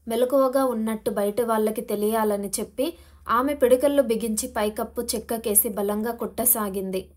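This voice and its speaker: Woman narrator, suspense audiobook, slightly high voice, acts out characters' cries. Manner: voices the characters' shouted lines with rising emotion. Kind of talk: dramatic novel reading.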